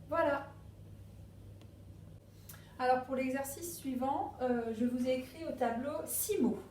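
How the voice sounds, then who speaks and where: A woman teaching a phonics lesson to young children at a distance, speaking slowly and patiently and stressing each syllable. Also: sits high, roomy sound, noisy background. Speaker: primary school teacher. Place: classroom with a board.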